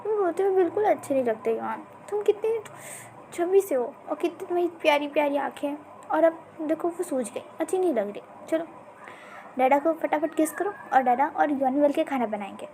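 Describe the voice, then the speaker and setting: Affectionate young man, gentle and teasing, read by a woman narrator. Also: sits high, lively intonation, fairly quick, a little hiss or hum. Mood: tender.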